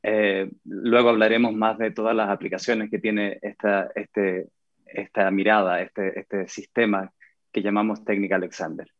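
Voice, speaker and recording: A man with a Chilean accent, an actor and Alexander Technique teacher, introducing himself on a video call in a measured way, searching for words. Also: fairly low pitch, little pitch movement, no echo. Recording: dry, dull video-call audio.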